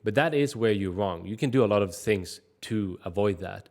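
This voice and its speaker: A man's voice: fairly low pitch, fast talker, a little mellow. A man from Sweden, giving direct, conversational advice in a casual fitness vlog. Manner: direct, conversational, frequent "like" and "I mean" fillers. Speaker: fitness vlogger.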